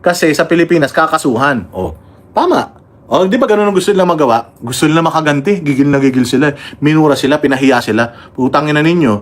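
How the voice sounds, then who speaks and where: A combative man from the Philippines hosts a political livestream, mocking his targets and pausing to thank members and read their comments. His voice sits a little higher than most men's, and he talks in a casual, heated way. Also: animated.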